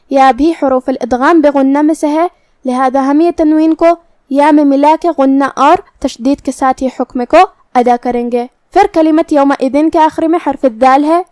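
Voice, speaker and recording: Female tajweed teacher, high voice, methodical step-by-step explanations, dry close mic. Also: warm tone, no room sound. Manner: methodical, step-by-step explanation of each letter's sound. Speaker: Quran recitation teacher. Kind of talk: tajweed lesson, explaining then reciting slowly.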